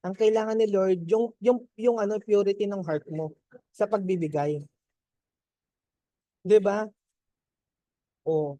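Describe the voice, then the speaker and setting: Mellow-voiced man giving a chatty testimony. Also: high voice, steady tone, slow pace, long pauses, dry recording. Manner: chatty, keeps checking in with "di ba?" and laughs. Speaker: mentor giving a testimony to his team. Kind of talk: Taglish motivational testimony.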